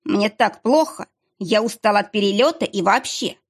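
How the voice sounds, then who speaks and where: A woman voicing a whiny, pleading middle-aged ex-husband with a drawn-out, whining delivery. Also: medium pitch, animated.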